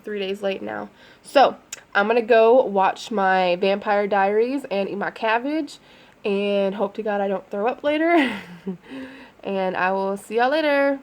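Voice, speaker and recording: A woman chatting in a rambling way with lots of fillers and asides. She is giving a casual vlog update at home. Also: medium pitch. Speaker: vlogger. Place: at home near a bedroom.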